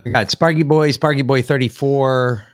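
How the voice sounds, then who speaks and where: A man's voice: medium pitch, normal speed, dry recording, studio quality. A man hosting a call-in show, talking casually and informally as he handles the calls. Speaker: host taking calls. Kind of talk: casual chat.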